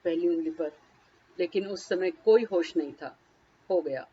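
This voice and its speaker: A woman's voice: lowish voice, normal speed, warm tone, slightly rough, lo-fi sound. A woman leading a guided tapping session, naming each body point and then speaking a short first-person phrase for the listener to repeat.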